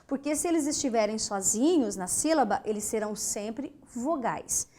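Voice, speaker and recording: A woman's voice: fairly high pitch, moderate pace. A woman with a Brazilian Portuguese accent teaching a grammar lesson. She keeps asking the class questions and then answers them herself. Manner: lively, asks students questions and answers them.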